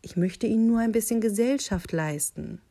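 A woman voicing a hungry, falsely polite male wolf who speaks in a put-on deep voice with a lisp. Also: moderate pace, mellow. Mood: sly. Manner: mock-polite, scheming. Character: smooth-talking hungry male wolf, sly.

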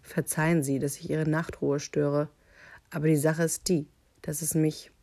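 A woman voicing a hungry, falsely polite male wolf who speaks in a put-on deep voice with a lisp. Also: little pitch movement, normal speed, mellow. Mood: sly. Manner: mock-polite, scheming. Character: smooth-talking hungry male wolf, sly.

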